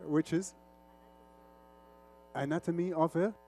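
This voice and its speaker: Here the same kind of speaker, a middle-aged Arabic-speaking media executive from Lebanon raised in Saudi Arabia, talks slowly in a slightly high, steady, somewhat mellow voice. Soft music plays behind his informal, interactive stage presentation, where he alternates between Arabic and English.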